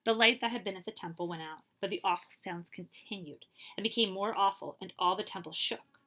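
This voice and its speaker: With a mid-range voice and a slightly quick pace, a woman performs a children's story in librarian style. She's expressive and suspenseful, going hushed and stretching out the key lines.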